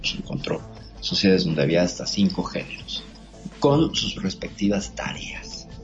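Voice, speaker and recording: Very deep voiced guy explaining stuff like a lecture, dull lo-fi sound. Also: sing-song. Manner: measured, lecturing, academic. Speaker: host. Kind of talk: explanatory talk show. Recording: dull lo-fi sound with faint music.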